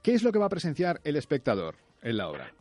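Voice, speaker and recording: A man hosting a radio interview, introducing his guest and backing him with quick affirmations. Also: fairly high pitch, wildly swooping pitch, darkish tone, no room sound, soft background music. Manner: brisk, frequent short affirmations. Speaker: radio host.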